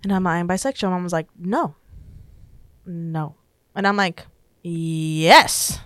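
A woman's voice: on the low side, takes it slowly, no echo, clean studio sound. A young woman, a podcast guest telling a personal story in a chatty way, full of "like" and quoted dialogue. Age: young adult. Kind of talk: casual storytelling.

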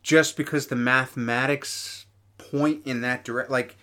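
A man's voice: mid-range voice, steady tone, unhurried, sharp tone. A man co-hosting a podcast, rambling through casual sports chat with lots of fillers. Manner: chatty, rambling, many fillers. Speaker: podcast co-host.

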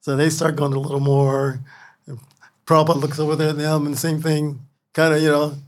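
Older Midwestern man, chatty guest storyteller, slightly high voice, laughs a lot. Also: fairly quick. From Midwestern United States. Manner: animated storyteller, laughs often, many you-knows. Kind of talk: casual storytelling interview.

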